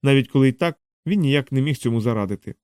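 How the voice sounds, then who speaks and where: A man narrating an audiobook in a steady, even storytelling manner. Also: medium pitch, quick pace, clear, resonant tone, dry recording, clean studio sound. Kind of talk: scripted narration.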